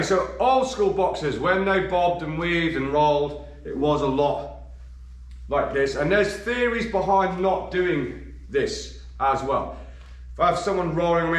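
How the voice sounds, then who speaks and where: A boxing coach with a slightly croaky, somewhat high and fairly bright male voice demonstrates moves while he talks, counting off punches in an instructional session. It's recorded in a gym, and the roomy echo makes him sound distant.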